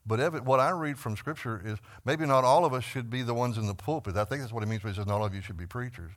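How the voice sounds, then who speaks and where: Leading a church Bible class, a man with a Texan accent and a medium-pitched voice teaches conversationally and fast. He speaks earnestly, often restarting sentences and repeating words.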